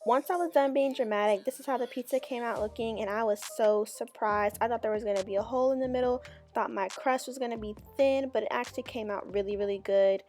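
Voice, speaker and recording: Woman cooking vlogger, slightly high voice, friendly how-to voice-over, light background music. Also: fairly even intonation, quick pace, few pauses, darkish tone. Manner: friendly step-by-step instructions. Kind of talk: voice-over narration of a cooking video.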